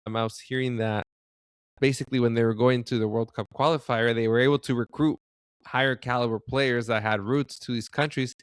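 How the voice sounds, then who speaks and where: A man's voice: mid-range voice, fairly even intonation, fairly quick, smooth, dry recording, studio quality. A man co-hosting a soccer podcast, speaking hesitantly and filling his sentences with "like.". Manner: hesitant, heavy use of "like". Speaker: podcast co-host. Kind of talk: casual chat.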